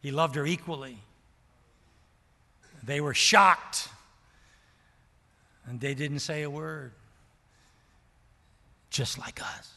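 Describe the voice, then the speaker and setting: An older man preaching a sermon, telling a story with passion and swinging from loud to hushed. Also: on the high side, fairly even intonation, a little slow, vocal fry, long pauses. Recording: long reverb of a large hall.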